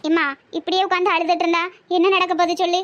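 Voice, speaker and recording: A woman voicing a patient adult daughter in a cartoon, speaking with a Tirunelveli Tamil accent and gently coaxing and reasoning. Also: very high-pitched, level tone, racing, dull audio. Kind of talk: cartoon voice acting.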